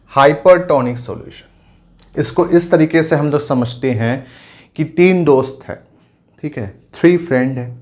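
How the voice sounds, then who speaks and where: A man teaching a biology lesson, who keeps asking questions and answering them himself and mixes English science terms into his speech. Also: on the high side. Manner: acts out short quotes of angry and calming friends. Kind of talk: classroom lecture.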